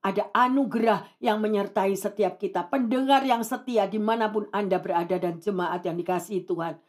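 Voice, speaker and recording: A middle-aged woman pastor preaching a sermon in a colloquial way, speaking straight to her listeners and swinging between loud exclamations and hushed lines. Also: medium pitch, normal speed. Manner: colloquial, addresses listeners directly.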